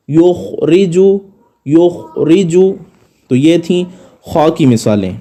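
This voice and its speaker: Male tajweed teacher, slow and mellow, patient explainer who draws out sample recitations. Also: mid-range voice. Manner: patient explaining, drawn-out model recitations of Arabic sounds. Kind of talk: slow recorded tajweed lesson.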